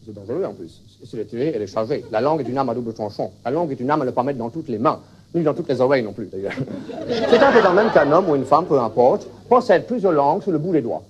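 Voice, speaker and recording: A man's voice: mid-range voice, very animated, fast, muffled recording, voice pushed down, natural voice. A man playing a flustered foreign language teacher in a stand-up comedy sketch, stammering through puns with a put-on accent. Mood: confused. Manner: stammering wordplay, restarts. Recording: 1979 television broadcast.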